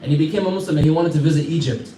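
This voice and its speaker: A man's voice: on the high side, rapid-fire, dark tone. American man teaching in an echoey hall. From United States. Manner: conversational, quizzes listeners, chuckles through anecdotes. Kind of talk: storytelling lesson to a class. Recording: echoey room, mic far off, faint background hum.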